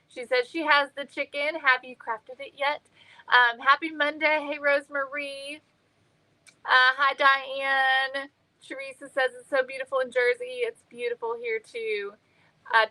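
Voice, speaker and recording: A woman hosting a casual craft livestream, greeting viewers by name and filling pauses with many ums. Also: high-pitched, sharp tone, poor audio.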